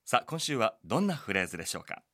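A man's voice: mid-range voice, big pitch swings, very fast, bright, forceful tone. Upbeat male radio announcer. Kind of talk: scripted radio introduction.

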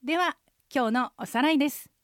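Clear teacherly woman, slightly high. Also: a little fast, dry recording, clean studio sound. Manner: clear, explanatory, steady teacherly delivery. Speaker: language lesson co-host. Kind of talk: radio language lesson.

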